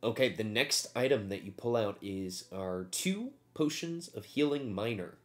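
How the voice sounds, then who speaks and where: A man's voice: fairly low pitch, expressive, measured pace. A man acting as game master, narrating a tabletop game and reading out rules.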